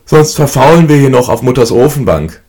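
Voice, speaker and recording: A man reading a storybook and voicing a cocky young eldest brother who talks loud and brash. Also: mid-range voice, animated, fairly quick, pitched above the performer's own voice, natural voice. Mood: defiant.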